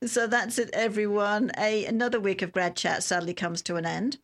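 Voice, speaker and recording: Creaky-voiced woman hosting radio. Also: medium pitch, fairly even intonation, normal speed. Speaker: radio show host. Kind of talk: casual chat and sign-off.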